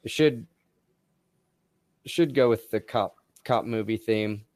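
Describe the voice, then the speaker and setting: A man co-hosting a casual post-game sports stream, talking in a relaxed, rambling way with many fillers. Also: fairly low pitch, slow, dry recording. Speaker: podcast co-host.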